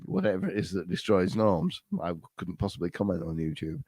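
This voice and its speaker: A man's voice: sits low, lively intonation, brisk, darkish tone, no room sound. A man hosting a podcast, talking in a casual, rambling way with lots of restarts and hesitations. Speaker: podcast host. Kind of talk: casual chat.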